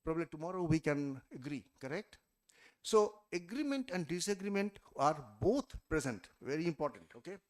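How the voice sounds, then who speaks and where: High-voiced man lecturing a class. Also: very animated, moderate pace. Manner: emphatic, repeats "okay?" and counts points off. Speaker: trainer. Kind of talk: classroom lecture on group discussion skills. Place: college event hall or classroom.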